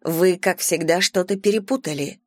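A woman's voice: fairly low pitch, moderate pace, a little mellow, dry recording, close to an everyday voice. A woman voicing a restrained young woman, speaking dryly and curtly. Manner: dry, clipped.

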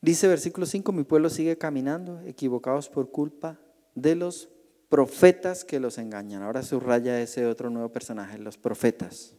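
A man's voice: medium pitch, normal speed, warm tone, in a large hall. A male pastor teaching a Bible class in a conversational way, asking the group questions and acting out the voices he quotes.

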